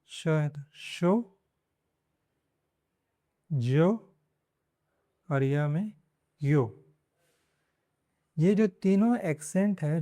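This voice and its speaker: A man's voice: fairly high pitch, mellow, dry recording, studio quality. A man teaching a pronunciation lesson in Hindi, repeating each example word several times. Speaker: Spanish teacher.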